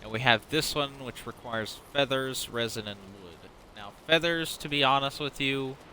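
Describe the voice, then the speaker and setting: A man's voice: medium pitch, moderate pace, pushed and bright, slight background noise. A man giving casual, unrehearsed let's-play commentary, rambling, stumbling over words and swearing now and then. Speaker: gaming channel host.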